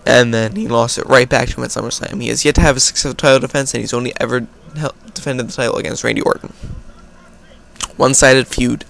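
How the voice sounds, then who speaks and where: American dude doing a q&a vlog, gravelly voice, reads questions then answers kinda offhand. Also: male voice, medium pitch, fairly even intonation, fast, fairly bright tone. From United States. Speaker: video host. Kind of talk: casual Q&A vlog.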